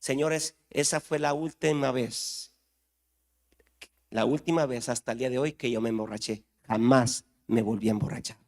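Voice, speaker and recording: A man with a Mexican accent preaching a sermon in a church, impassioned, swinging from loud outbursts to hushed lines. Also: medium pitch, fairly even intonation, moderate pace. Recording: reverberant church hall.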